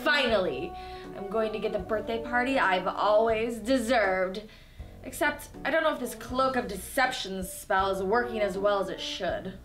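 A woman's voice: mid-range voice, moderate pace, music in the background, natural voice. A woman playing a bossy, haughty wicked fairy disguised as a princess, speaking with theatrical villain menace in a children's comedy skit. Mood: scheming. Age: young adult.

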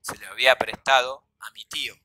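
A young man with a Rioplatense Spanish accent telling a comic story, acting out quoted voices and shouts. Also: mid-range voice, steady tone, fairly quick, no echo, low-quality recording. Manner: acts out quoted voices, shouts and sound effects. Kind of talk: animated comedic storytelling.

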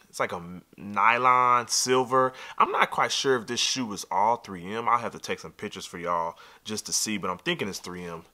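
A man in his thirties doing a casual, excited sneaker unboxing review, opinionated and talking straight to the viewer. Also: mid-range voice.

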